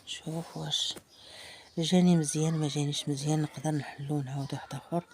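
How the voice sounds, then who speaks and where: Fast-talking Moroccan woman teaching embroidery. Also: low voice, fairly even intonation, darkish tone, a little hiss or hum. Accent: Moroccan Arabic. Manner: chatty, thinks aloud while working, drops into murmurs to herself. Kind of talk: casual hands-on craft tutorial.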